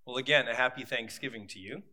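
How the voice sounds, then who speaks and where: A man preaching a sermon in a conversational but deliberate manner, building points through repetition. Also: mid-range voice, pushed and bright.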